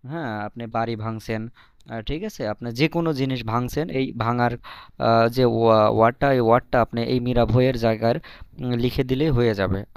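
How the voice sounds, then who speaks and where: A man teaching foreign words, repeating each one several times and pausing with fillers as he explains. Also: medium pitch, creaky, clean tone, dry recording. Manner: repeats each word slowly, many fillers. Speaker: language teacher. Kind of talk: explaining vocabulary.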